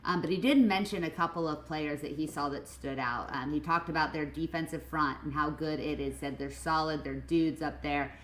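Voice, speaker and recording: A woman co-hosting a sports podcast, animated and enthusiastic, with frequent ums. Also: low-pitched, normal speed, hardly any pauses. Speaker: podcast co-host. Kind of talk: casual sports podcast chat. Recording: echoey room with faint noise.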